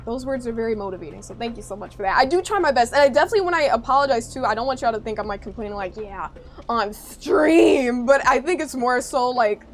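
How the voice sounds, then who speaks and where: A young woman with an American accent, chatting casually with her stream viewers in an animated, chatty way. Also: fairly high pitch, rapid-fire, few pauses, soft background music. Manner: chatty, animated retelling, frequent laughter.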